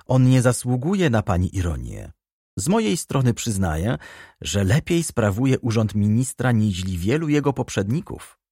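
A man reading the part of a stern former journalist turned prosecutor in an audiobook, measured and quietly accusing. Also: mid-range voice, sing-song, slightly rough, no echo, studio quality. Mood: polite.

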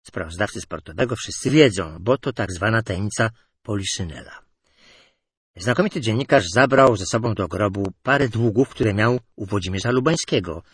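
Husky man reading funny anecdotes. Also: fairly low pitch, dry recording, studio quality. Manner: lively storytelling delivery. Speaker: narrator.

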